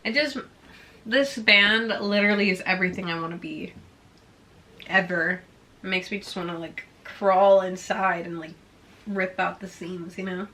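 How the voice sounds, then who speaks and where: Soft music plays behind a Swedish-native vlogger of about twenty as she chats through a viewer Q&A at normal speed. Her voice is lowish, pushed and bright, and her bubbly, casual talk is packed with "like".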